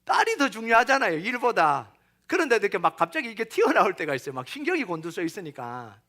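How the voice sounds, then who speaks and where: A middle-aged man preaching a sermon as pastor, animated, acting out quoted voices and sinking to near-whispers. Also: high voice, quick pace.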